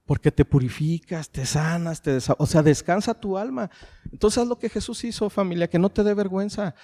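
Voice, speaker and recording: A man's voice: sits high, brisk, dark tone. A middle-aged man with a Mexican accent preaching a sermon, asking the congregation rhetorical questions and calling them family. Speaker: pastor. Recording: long hall reverb.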